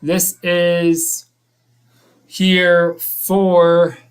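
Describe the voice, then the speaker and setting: A man hosting a live weather stream, giving unscripted severe weather commentary in a halting, self-correcting way. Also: high-pitched, monotone.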